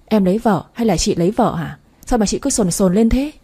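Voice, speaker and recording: A devoted young man who stands firm against his family, as a woman narrator reads his lines. His delivery is firm and defensive. The voice is mellow and softly husky. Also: mid-range voice, expressive, a little fast. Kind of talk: storybook reading.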